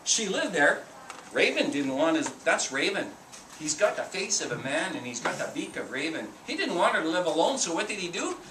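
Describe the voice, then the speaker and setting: A man's voice: a little high, a little fast, noisy background. A man, an author and storyteller, reading his picture book to a group of children in a school room, asking them questions as he goes. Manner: animated, talks to the children, asks questions. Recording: roomy, distant mic.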